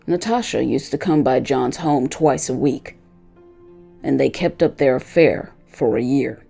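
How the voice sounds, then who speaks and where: Telling his own tale, the loyal dog with vengeance on his mind is voiced by a narrator in a mid-range, soft-edged, gravelly register. Each line is delivered with deliberate drama against quiet music, in a recounting mood.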